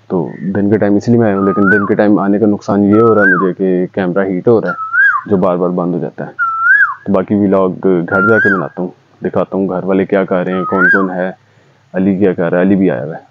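A man's voice: low-pitched, phone-quality sound, noisy background. A chatty young man from Pakistan giving a casual vlog tour of his village outdoors, talking straight to viewers into a handheld camera. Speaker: vlogger.

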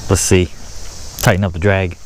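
Fishing from a kayak on an open lake, a vlogger chats casually and excitedly into a camera he wears, exclaiming in slangy bursts. His low voice shows little pitch movement at a moderate pace, heard over music. Loud water and boat noise fills the outdoor recording.

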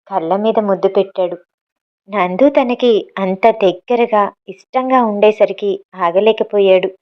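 A woman's voice: mid-range voice, highs cut off. A woman reading a novel aloud as a storyteller, voicing both lovers' lines in her own lightly varied voice. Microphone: home microphone.

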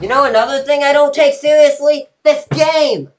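High-pitched raging gamer over loud music. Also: steady tone, quick pace. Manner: raging gamer, yelling and whining in frustration; self-deprecating. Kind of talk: unscripted gameplay reaction, rage commentary. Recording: loud game music behind voice. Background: electronic game music.

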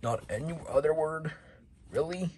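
A man's voice: on the high side, moderate pace, a little mellow, slight background noise, pitched above the performer's own voice, close to an everyday voice. A man voicing a cheerful male sea sponge who introduces his friends in a plush toy parody skit.

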